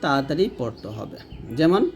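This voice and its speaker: A man with a Bangladeshi Bengali accent teaching Quran reading, quickly spelling out each letter and vowel mark and then sounding the syllable. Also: medium pitch, big pitch swings. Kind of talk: step-by-step recitation lesson.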